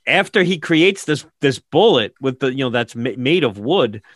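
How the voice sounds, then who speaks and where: A man casually retelling a film plot with lots of fillers and animated asides. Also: mid-range voice, moderate pace, no echo, clean studio sound.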